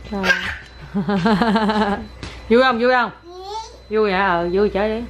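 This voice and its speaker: A woman's voice: mid-range voice, slow pace. A woman filming a casual family vlog, talking to her small child in a chatty, coaxing and playful way. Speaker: mother filming her toddler. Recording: home recording with clear background noise.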